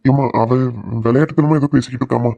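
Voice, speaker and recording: Man doing a peacemaking young husband, quick mellow voice, dry, cartoon. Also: mid-range voice, fairly even intonation, vocal fry, dry recording. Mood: pleading. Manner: pleading, peacemaking. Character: mild, placating young village husband. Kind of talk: cartoon voice acting.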